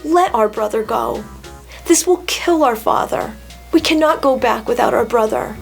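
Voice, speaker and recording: A woman's voice: animated, moderate pace, creaky, faint music behind. A woman doing pleading, desperate brothers. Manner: pleading, raised pitch. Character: pleading desperate grown brothers, adult men.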